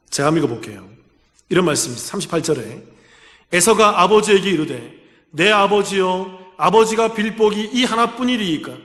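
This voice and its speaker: Male pastor, high pitch, sermon with questions to the congregation, roomy church echo. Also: fairly bright tone. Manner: preaching with questions to the congregation, acting out pleading voices. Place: church sanctuary. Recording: echoey church hall with long reverb.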